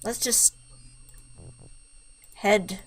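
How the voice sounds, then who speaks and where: A woman's voice: medium pitch, fairly even intonation, drawn-out words. A woman hosting a video game playthrough with casual, chatty commentary, playfully talking back to the game. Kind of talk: casual let's play commentary. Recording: game music behind the voice. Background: video game music.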